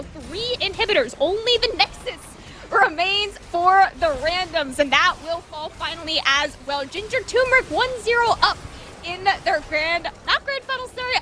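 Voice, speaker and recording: A woman casting a live esports match, with rapid and excited play-by-play calls. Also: very high voice, slight background noise. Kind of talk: fast live game commentary.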